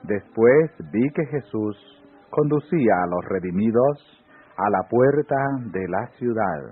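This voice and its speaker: Man reading slowly over phone-like audio. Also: lowish voice, expressive, breathy edge. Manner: solemn, rising on exclamations. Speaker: reader of devotional text. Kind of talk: slow devotional reading. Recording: phone-like audio with faint music.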